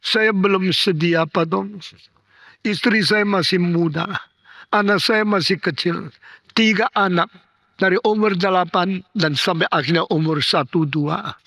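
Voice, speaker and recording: A man's voice: sits high, fairly even intonation, a little slow, fairly bright tone, no echo, exaggerated voice. A man as a weary dying young husband. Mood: pleading. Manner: weak, pleading.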